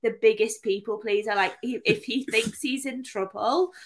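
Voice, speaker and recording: A woman's voice: a little high, moderate pace. Chatty woman chiming in. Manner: chatty, chimes in often, laughs along. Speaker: podcast co-host. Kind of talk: casual chat.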